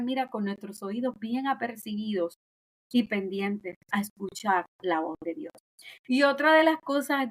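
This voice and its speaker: Earnest woman preaching on a podcast. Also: fairly high pitch. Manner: earnest, exhorting, slows down to stress points. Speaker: podcast host. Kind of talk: devotional preaching.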